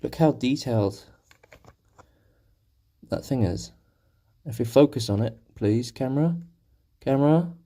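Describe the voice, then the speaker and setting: A young man with a sore throat chats with his stream viewers while painting, his gravelly, husky voice medium in pitch, warm, and expressive. He speaks at a measured pace with long pauses, rambling and poking fun at himself.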